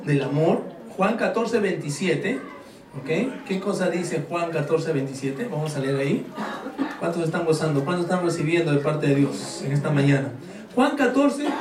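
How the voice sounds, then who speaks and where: A male pastor preaching a sermon to his congregation, animated and joking, firing rhetorical questions at them. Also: fairly high pitch. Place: church hall. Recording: echoey hall, voice from far off.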